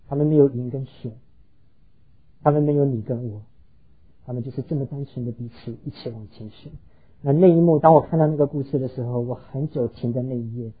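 A male pastor preaching an earnest sermon to his congregation, telling stories and pausing on hesitant fillers. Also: medium pitch, slightly rough, phone-quality sound.

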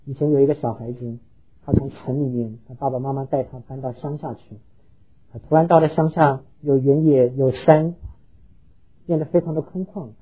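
A male pastor preaching an earnest sermon to his congregation, telling stories and pausing on hesitant fillers. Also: medium pitch, fairly even intonation, husky, narrow, tinny audio.

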